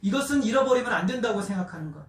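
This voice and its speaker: A male pastor telling a story in a sermon, animated and asking the congregation questions as he goes. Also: high voice, very fast. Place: church sanctuary. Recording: echoey church, distant mic.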